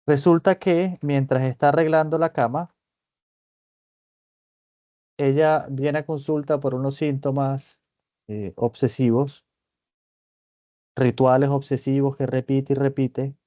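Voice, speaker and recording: A man presenting a clinical case in a seminar, talking it through in a measured, reflective way and often checking in with his listeners. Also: mid-range voice, fairly even intonation, dark tone, no echo, dull audio. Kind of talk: seminar lecture, thinking aloud. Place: online meeting.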